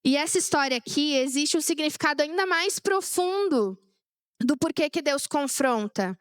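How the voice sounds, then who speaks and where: A woman's voice: high-pitched, animated, normal speed, no room sound, clean studio sound. A young woman preaching a sermon, chatty and sharing personal stories with the congregation.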